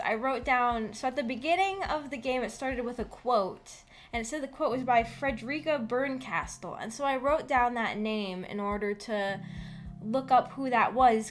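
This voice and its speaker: A high-voiced woman hosts a visual novel book club livestream, chatting casually with viewers. She's giggly and often breaks into small laughs.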